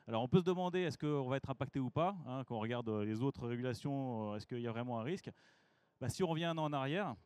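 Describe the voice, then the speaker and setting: A man with a mid-range voice presents at a conference as a technical director. His delivery is relaxed and informal, and he turns often to the audience with quick questions. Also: medium pitch, smooth, no echo.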